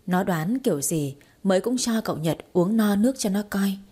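A woman narrating a story in a steady, expressive audiobook style. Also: mid-range voice, normal speed, slightly rough.

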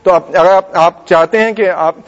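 High-voiced preacher, echoing hall. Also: male voice, moderate pace. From Pakistan. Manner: earnest, exhorting, with short laughs. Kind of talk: sermon. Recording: dull sound, long reverb.

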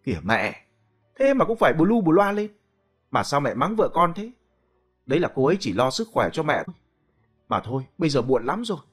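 A man playing a busy son, a company chairman, who speaks in a brisk, hurried way. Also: mid-range voice, expressive, soft background music, lightly acted.

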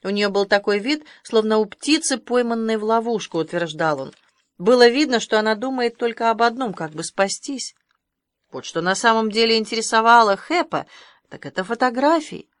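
Female audiobook narrator, measured, expressive reading, close dry mic. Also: on the high side, no room sound. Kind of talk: scripted narration.

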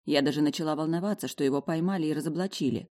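A woman with a deep, low voice reads a first-person fantasy audiobook. Her narration is steady and expressive, with calm pacing through the action. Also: very fast. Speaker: audiobook reader.

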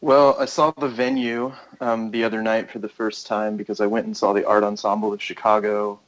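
Heard over a low-quality recording, this man from the United States, a touring musician, talks briskly in a fairly low voice. The phone interview is casual and relaxed, and he wanders through his thoughts, thinking out loud.

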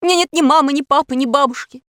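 A shapeshifting girl from a storybook blurts and defends herself in a rush, as a woman reader voices her. Her voice climbs high and loud with wide swings. The sound is close and dry. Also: lively intonation, brisk, no echo. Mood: defiant. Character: shapeshifting girl posing as a stubborn schoolboy. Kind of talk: audiobook character voice.

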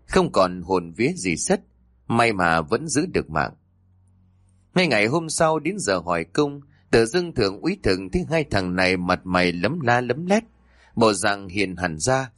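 A man narrating a ghost story in an expressive, dramatic way. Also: on the low side, no echo, studio quality.

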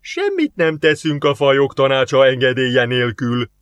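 A man voicing a scheming male alien diplomat in an audiobook, formal and calm, quoting rules. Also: mid-range voice, no echo. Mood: defensive.

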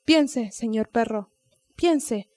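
A woman's voice: fairly high pitch, drawn-out words, darkish tone, dry recording. Woman doing a crafty old male snail. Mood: insistent. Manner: persuasive, patient, lecturing.

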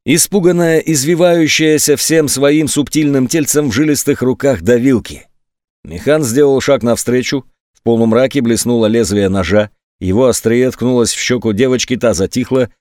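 A man reads a dramatic audiobook in a measured, tense storytelling manner. His voice sits at an ordinary pitch. The recording is dry and close. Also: a little mellow, no echo. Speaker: audiobook narrator. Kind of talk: dramatic literary narration.

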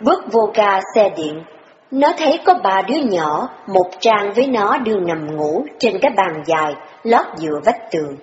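A woman giving steady, measured scripted narration of an audiobook. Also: medium pitch, slight background noise. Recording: dull, roomy reverberant audio with faint music.

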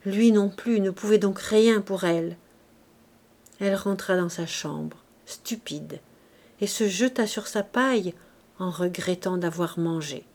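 A woman narrating a classic novel as an audiobook reader, in a measured storytelling manner. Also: mid-range voice, a little mellow.

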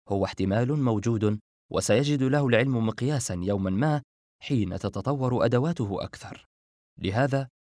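A man's voice: mid-range voice, a little mellow, no echo. Man narrating a story, dry recording. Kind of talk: dramatic audiobook narration.

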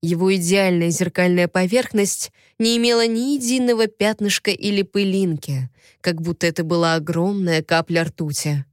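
A woman narrating a first-person audiobook in an expressive reading voice. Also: mid-range voice, no room sound, studio quality.

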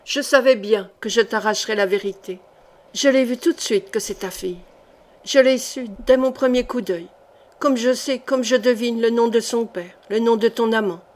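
A woman voicing a cold, cruel queen who speaks calmly and coldly and threatens with quiet menace, in an audiobook reading. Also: on the high side, unhurried, close to an everyday voice. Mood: ferocious. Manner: calm, then icy and threatening.

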